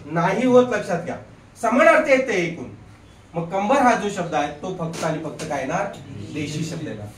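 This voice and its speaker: A man teaching a grammar class in a lively way. He quizzes his students, jokes with them, and. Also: sits high, moderate pace, recorded from a distance, a little hiss or hum. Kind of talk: classroom lecture. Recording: echoey classroom recorded from afar.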